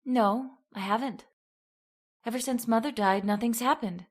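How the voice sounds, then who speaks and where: A woman's voice: a little high, measured pace. An actress playing a grieving, fearful young woman in old-time radio melodrama, plaintive and dramatic. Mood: sorrowful, subdued. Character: frightened, grieving young woman in a horror tale.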